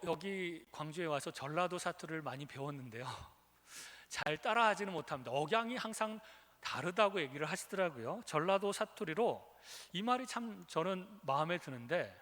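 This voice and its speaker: Man, pastor, preaching a sermon, forceful bright tone, long church reverb. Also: sits high. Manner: retells scripture with acted quotes. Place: church sanctuary.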